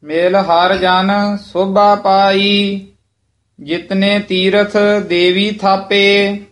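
A male student reciting scripture slowly and steadily while a teacher corrects him. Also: high voice. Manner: slow, flat, measured recitation.

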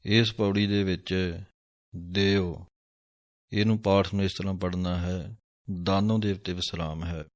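Man, recitation teacher; steady low voice, flat and very slow, deliberate diction. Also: no room sound, clean studio sound. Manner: measured, deliberate, carefully enunciated. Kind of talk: slow chanted recitation with spoken pronunciation notes.

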